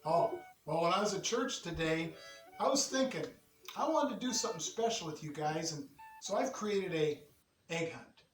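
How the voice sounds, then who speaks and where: Brief: kindly older neighbor, read by the storyteller, warm and gentle, roomy sound, ukulele under it. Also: medium pitch, expressive, normal speed, close to an everyday voice. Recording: roomy, distant, ukulele music behind.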